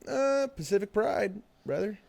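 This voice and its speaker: A man's voice: sits high, expressive, measured pace, creaky, darkish tone. A young man co-hosting a podcast in casual chat, rambling with lots of fillers and swearing. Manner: rambling, profane, full of fillers. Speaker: podcast co-host.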